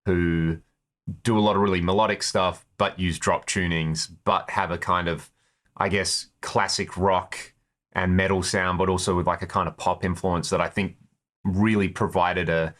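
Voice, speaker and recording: A guitarist in a touring band from Perth, Australia, chats as an interview guest and tells stories from his own life in a conversational way. He speaks with an Australian accent in a low, somewhat bright voice with little pitch movement, at a moderate pace.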